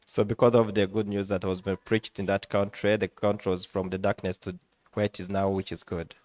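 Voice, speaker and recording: Man, interpreter, halting, flat delivery, dry sound. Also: fairly low pitch, no echo. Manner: halting, with restarts and fillers while translating. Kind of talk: live consecutive interpretation into English.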